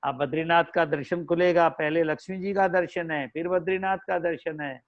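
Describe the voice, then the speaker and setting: High-pitched guy with a hindi accent doing a slow devotional sermon, sings verses in between, kinda dull lo-fi audio. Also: fairly even intonation. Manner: slow, melodic, chants verses. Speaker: religious storyteller. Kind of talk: devotional discourse with sung verses. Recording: dull lo-fi recording.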